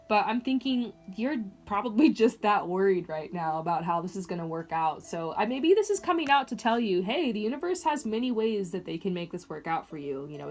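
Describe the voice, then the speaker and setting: Sounding a little raspy and in need of water, a woman reads for someone one-on-one in a casual, tarot-style psychic session. Her medium-pitched voice is chatty, peppered with "um" and "like."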